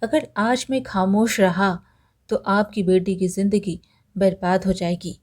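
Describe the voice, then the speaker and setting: A woman's voice: mid-range voice, fairly even intonation, measured pace, a little mellow, lightly acted. A woman voicing a brave, loyal young woodcutter who speaks with urgent conviction. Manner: urgent, pleading.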